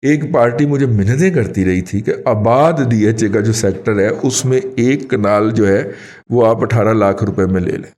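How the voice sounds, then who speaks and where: A man with a Pakistani Urdu accent, co-hosting a talk show and giving rambling, animated commentary. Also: hardly any pauses. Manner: animated, rambling, pitch jumps when emphatic. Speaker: co-host, elder commentator.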